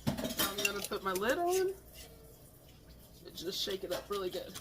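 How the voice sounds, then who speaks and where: At a moderate pace and medium pitch, a cooking vlogger chats through her home-kitchen session, her voice somewhat worn by allergies. She's relaxed, chatty and prone to fillers and stumbles, and the background is noisy with clinking dishes, pots and pans.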